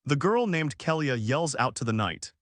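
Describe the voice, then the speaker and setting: A man's voice: fairly high pitch, sing-song, moderate pace, fairly bright tone, dry recording, clean studio sound. A man narrating a comic recap in a scripted storytelling voice.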